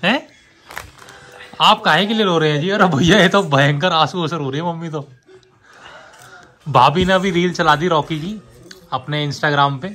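A young man chatting casually in a rambling, playful way, vlogging from a car on the road at night. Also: fairly high pitch. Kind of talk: casual vlog chat while driving at night. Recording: loud road and car noise.

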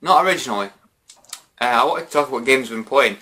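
A man's voice: medium pitch, lively intonation, fast, pushed and bright. A British man in his twenties, drunk, chatting casually to camera in a rambling, repetitive way as a gaming vlogger. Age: 20s. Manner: repetitive, rambling, peppered with "you know" and mild swearing. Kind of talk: casual vlog chat to camera. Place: small bedroom, indoors.

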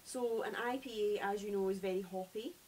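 A Scottish woman in her thirties chats eagerly about beer as a co-host, sitting on a sofa indoors. Her voice sits at a middle pitch. A faint hiss runs under the recording. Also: brisk, a little mellow, low-quality recording. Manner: chatty, enthusiastic. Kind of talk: casual chat. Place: living room sofa, indoors.

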